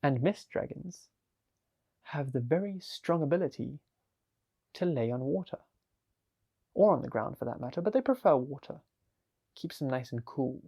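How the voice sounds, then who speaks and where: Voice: mid-range voice, expressive, normal speed, long pauses, warm tone, husky. A storyteller narrating a fantasy tale in a chatty way, with frequent asides to the listener.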